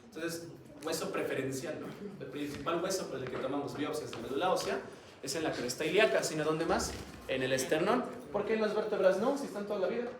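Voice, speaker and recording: A man's voice: a little high, animated, brisk. Man lecturing in an echoey classroom. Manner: conversational, keeps asking students questions. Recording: echoey classroom, mic far off, noisy.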